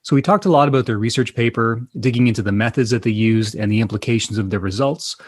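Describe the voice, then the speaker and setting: A man's voice: mid-range voice, slightly rough, no room sound. Man hosting a podcast, dry close sound. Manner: measured, curious questions. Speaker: podcast host.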